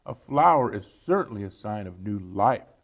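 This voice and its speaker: A man voicing a gently earnest woman schoolteacher in a story read during a sermon, with soft, measured delivery. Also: lowish voice, animated. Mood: gentle.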